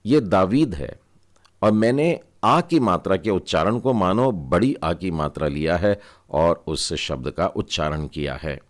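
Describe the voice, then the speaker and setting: A man's voice: deep voice, animated, a little slow. A man teaching Hebrew vowel signs in a patient, step-by-step way, asking learners to read along.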